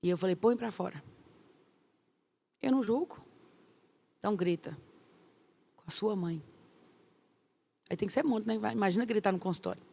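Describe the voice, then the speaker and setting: A middle-aged woman pastor teaches a course. She speaks emphatically, fires off rhetorical questions and acts out little scenes. Her mid-pitched voice has a gravelly rasp. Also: fairly quick, pauses often, mellow. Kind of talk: lively teaching talk.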